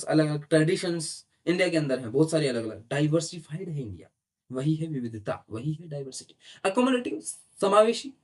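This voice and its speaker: A man teaching a class with a voice pitched a little high. He lays out terms and definitions patiently, one point at a time, and keeps checking in with his listeners through questions he then answers himself. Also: darkish tone. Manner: explains step by step, asks rhetorical questions and often adds "है ना?". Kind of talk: classroom lecture in Hindi mixed with English terms.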